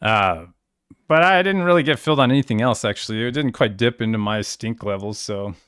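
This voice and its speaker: A man's voice: on the low side, fairly quick, a bit bright, clear, resonant tone, no room sound, studio quality. A man hosting a crypto trading livestream, casually walking through charts in a rambling, self-correcting way. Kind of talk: casual screen-share walkthrough.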